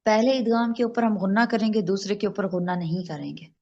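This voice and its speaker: A woman teaching an online Quran recitation class, explaining rules patiently and slowly spelling out examples over a video call. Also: medium pitch, mellow, muffled recording.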